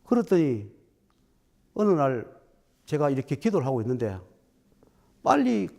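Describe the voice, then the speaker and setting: A man's voice: on the high side, big pitch swings, unhurried, vocal fry, a little mellow. A man, a Buddhist dharma teacher, telling stories in a talk and acting out the quoted dialogue. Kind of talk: storytelling talk.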